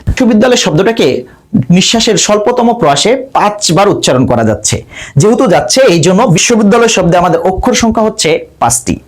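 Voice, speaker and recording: Young male tutor with a high voice, patient, step by step. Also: very animated, fast. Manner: patient, explains step by step, addresses students directly. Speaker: teacher. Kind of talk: lesson narration.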